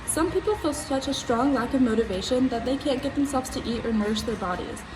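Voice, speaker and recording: A woman playing a calm, instructive psychiatrist sock puppet in a scripted educational skit, explaining things in a measured way. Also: high voice, music in the background. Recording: roomy, distant mic, noisy background.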